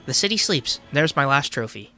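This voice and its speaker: A man talking through his gameplay in a loose, offhand way, swearing freely as he chats. Loud game music plays beneath his voice. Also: mid-range voice, very animated, moderate pace. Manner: profane, offhand, chatty. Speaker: let's play host. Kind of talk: casual gameplay commentary.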